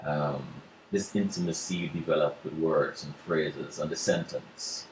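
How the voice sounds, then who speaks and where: A man's voice: extremely low pitch, measured pace, roomy sound, a little hiss or hum, poor audio. A man hosting an interview, asking questions in an encouraging, enthusiastic way. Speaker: interviewer host.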